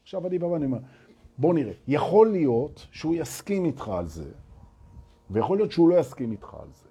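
A man with a very husky, breathy voice delivers a spiritual talk to his audience. His pitch swings up and down as he presses his points. He repeats phrases for emphasis and keeps challenging listeners with questions. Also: big pitch swings, warm tone. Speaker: spiritual teacher addressing an audience.

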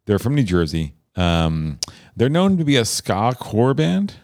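Young male co-host, deep voice, dead-dry room, quick dry quips between longer riffs. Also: very animated, darkish tone, no room sound. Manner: dry jokes, short interjections. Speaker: podcast co-host. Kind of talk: casual chat.

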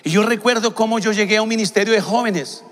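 A man, a pastor preaching a passionate sermon to young people, rising to shouts. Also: high-pitched, fast talker, in a large hall. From Colombia.

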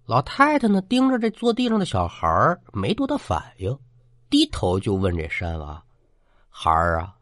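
A man's voice: mid-range voice, huge pitch swings, normal speed, a bit bright, no echo, clean studio sound. A man narrating a ghost story in a chatty, dramatic storyteller manner, with asides to the listener.

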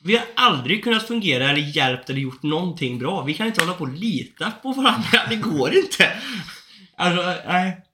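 A young man talks in a casual chat, his voice bright and a touch higher than most. He tells his story with a lot of energy and swearing, acting out both sides of phone calls. The recording has a roomy echo. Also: very animated.

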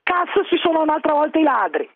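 A woman's voice: high voice, sing-song, fast, no echo. A woman calling in over the phone, heated and indignant, swearing freely. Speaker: caller. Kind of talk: call-in radio talk. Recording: tinny phone line.

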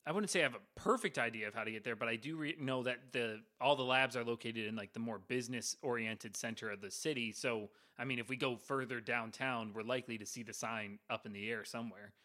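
A man runs a tabletop game with a bright, clear voice. He explains the situation calmly and at an even pace, like a game master laying out what the players know. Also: mid-range voice, fast, few pauses.

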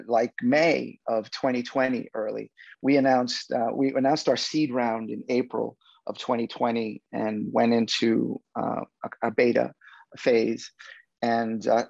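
A man speaking as a startup executive on a business panel, in halting tech-bro jargon with repeated words. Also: medium pitch, vocal fry, dry recording, muffled recording. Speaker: startup executive, interview guest.

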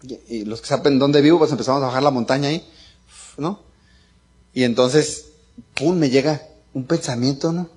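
A man's voice: medium pitch, moderate pace, pauses often, darkish tone. Joking middle-aged man. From Mexico. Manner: joking, colloquial, tags lines with "¿no?" and "¿ah?". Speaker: speaker. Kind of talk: seminar storytelling talk.

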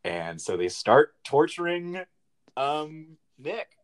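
A man co-hosts a casual movie review chat, his pitch swinging widely as he tells the story. He drops into little voices for the characters' lines and laughs often along the way. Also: slow. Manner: animated plot retelling with voiced quotes. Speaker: podcast co-host.

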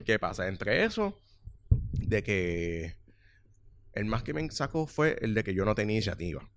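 A man in his thirties with a Puerto Rican accent, telling a workplace story in casual chat and acting out the voices loudly. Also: lowish voice, normal speed. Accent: Puerto Rican Spanish. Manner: animated storyteller, acts out quotes loudly, swears freely.

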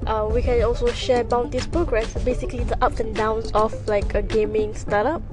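Singaporean-accented woman, higher-pitched, hosting. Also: flat delivery, moderate pace, music in the background. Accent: Singaporean (Singlish). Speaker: podcast host and content producer. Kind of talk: casual podcast chat.

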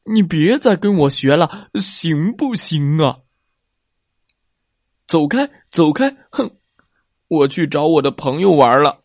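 A man's voice: mid-range voice, very animated, unhurried, darkish tone, dry recording, clean studio sound. A man voicing a bossy, impatient young male anteater who scolds his little brother. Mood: scolding.

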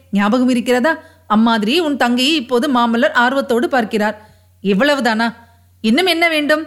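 A woman's voice: high-pitched, fairly bright tone. A woman reading a novel aloud, voicing a playful young male charioteer who banters with his wife.

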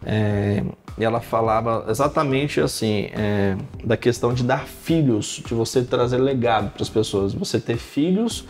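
At a measured pace and medium pitch, a thirtysomething pastor tells animated stories in a casual podcast conversation, filling his talk with "cara" and "né." Faint music can be heard behind him.

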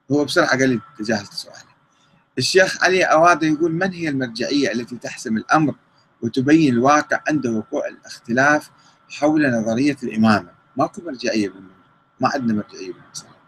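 Fast-talking Iraqi Arabic man. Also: mid-range voice, a bit bright, slight background noise, low-quality recording. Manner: conversational, reads out questions then rebuts them. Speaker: writer answering viewer questions. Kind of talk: live Q&A talk.

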